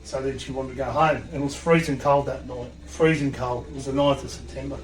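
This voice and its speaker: A man, a podcast guest and coach, telling an animated story in a blunt, swearing way. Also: mid-range voice, a little fast, faint music behind. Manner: blunt, swears freely, acts out quotes. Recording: echoey room.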